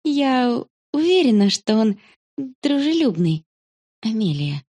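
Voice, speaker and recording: A woman voicing a gentle, caring mother in a storybook reading, speaking softly and reassuringly. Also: medium pitch, very animated, normal speed. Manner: soft, reassuring.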